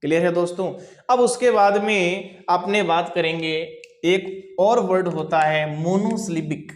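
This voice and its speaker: A man gives a classroom lecture, repeating each definition slowly and putting questions to the class before answering them himself. He talks at an unhurried pace, and the room around him is roomy and echoey. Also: sits high. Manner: repeats key phrases slowly, asks and answers own questions. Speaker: coaching teacher. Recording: roomy echo.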